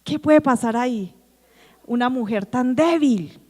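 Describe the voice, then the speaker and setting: High-voiced woman preaching in a church. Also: unhurried. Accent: Colombian, Antioquia. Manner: lively, acts out quoted dialogue, asks the congregation questions. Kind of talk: sermon. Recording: church hall reverb.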